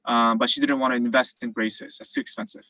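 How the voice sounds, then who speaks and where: Over a video call, a young dental student who grew up in South Korea casually walks through cases during a virtual presentation and Q&A, using plenty of fillers. His medium-pitched voice is steady, sharp and fairly quick. There's no room sound.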